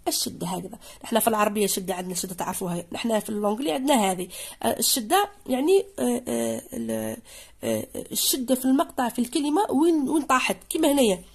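A woman with a slightly husky, fairly high voice explains an English exam in Algerian Arabic. She reads the English words slowly and repeats them for her students, in a patient classroom manner. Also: sing-song. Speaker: English teacher. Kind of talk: online lesson going through an exam.

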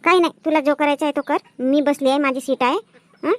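A woman playing a sharp-tongued village woman who quarrels and talks back fast in a comedy sketch. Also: sits high, fairly even intonation, lightly acted. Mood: quarrelling. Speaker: sketch actress.

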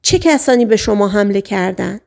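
A woman reading the lines of a calm male psychiatrist who gently questions a patient under hypnosis. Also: mid-range voice, gravelly. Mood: gentle.

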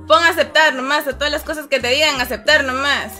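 A young woman on a live game stream, with faint music behind her, talks casually in a sharp-toned voice with fairly even intonation. She greets viewers by name, reads their comments, and closes phrases with a low, stretched "hermano," her voice a little strained and rough.

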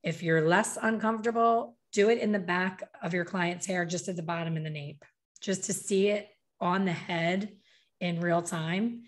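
A woman's voice: on the low side, fairly even intonation, normal speed. A woman in her fifties, a hair color educator talking animatedly on a video call, gesturing with her hands and acting out what people say. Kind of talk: casual video call interview. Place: small bright room at home. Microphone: desk microphone on video call.

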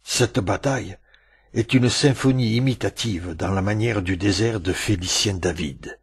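A man narrating a classic tale aloud with a dramatic, storytelling delivery and many pauses. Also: lowish voice, breathy edge.

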